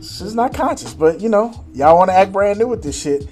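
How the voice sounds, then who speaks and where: A man co-hosting a casual podcast chat, animated and profane, laughing often. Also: high voice, moderate pace, soft background music. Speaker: podcast co-host.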